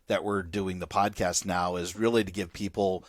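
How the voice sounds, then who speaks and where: A man's voice: sits low, flat delivery, moderate pace, no room sound, clean studio sound. A man co-hosting a podcast, talking in a casual, conversational way with frequent restarts and asides. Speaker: podcast co-host.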